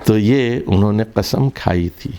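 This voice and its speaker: A man with a Pakistani Urdu accent teaching Arabic grammar in a recorded lesson. He explains slowly, repeats words, and often restarts with fillers. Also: fairly low pitch, dark tone.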